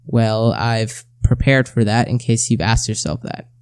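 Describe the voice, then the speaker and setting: A man's voice: on the low side, measured pace, darkish tone, smooth, dry recording. A man hosting a self-help episode, talking conversationally and directly to the listener, repeating key phrases and asking rhetorical questions.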